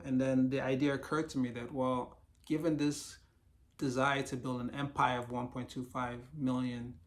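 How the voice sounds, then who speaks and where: A man in a casual solo vlog, slightly hoarse from losing his voice, reflectively walking through a list of business ideas. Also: mid-range voice, a bit bright. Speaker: YouTube creator sharing business ideas.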